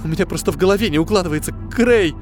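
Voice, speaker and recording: A man's voice: high-pitched, very fast, over music, voice pushed up, natural voice. Man voicing an anxious female spaceship medic. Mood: worried. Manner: hesitant, worried. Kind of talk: science fiction audiobook.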